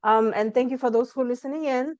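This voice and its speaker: A woman in her forties from Lithuania speaks with a smooth, crisp tone. She is a guest on a podcast, animatedly acting out her own past thoughts as she tells her story. The recording is dry and slightly muffled. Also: high-pitched, fast talker, darkish tone, no room sound. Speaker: guest, stress management coach. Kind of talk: conversational storytelling interview.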